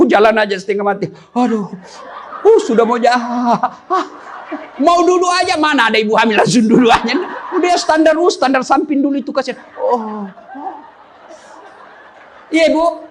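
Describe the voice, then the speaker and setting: A middle-aged male preacher delivers a humorous sermon in a strikingly high voice. He tells stories with animated, jokey energy and acts out quoted dialogue. A faint noise sits behind him. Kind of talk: humorous sermon to a live audience.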